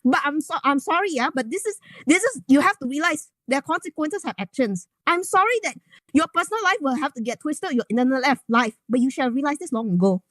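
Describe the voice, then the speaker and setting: A woman on a voice call lectures someone at length, slipping into mocking quoted voices. Her voice is high and swings widely in pitch, with a dry, close sound. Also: lively intonation, quick pace, a bit bright, dry recording. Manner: lecturing, mocks the other person in quoted voices. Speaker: caller in a voice call. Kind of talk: heated voice call confrontation.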